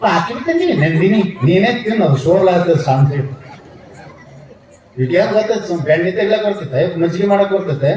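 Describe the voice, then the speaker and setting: A man's voice: high voice, a little mellow. A man gives a humorous devotional sermon to a crowd, teasing his listeners and chanting Sanskrit verses. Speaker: spiritual speaker. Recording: very echoey, from far off the mic.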